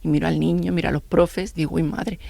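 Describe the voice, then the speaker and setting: A middle-aged woman tells her stories on a radio show, acting out each exchange with animated retelling. Her voice has a gravelly edge. The sound is dry and close, with no room around it. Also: deep voice, quick pace, no echo. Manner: lively storyteller acting out dialogue. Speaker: guest. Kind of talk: radio interview storytelling.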